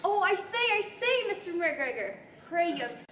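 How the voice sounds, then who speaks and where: A woman's voice: extremely high pitch, big pitch swings, moderate pace, pushed and bright, faint music behind, heavily acted. A young woman playing Alice, a polite, curious, eager storybook girl, in earnest, old-fashioned radio-play style. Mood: urgent, eager. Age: young adult. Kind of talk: 1940s radio-style stage acting. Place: library event room, indoors, live stage. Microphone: stand microphone. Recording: roomy hall with faint noise.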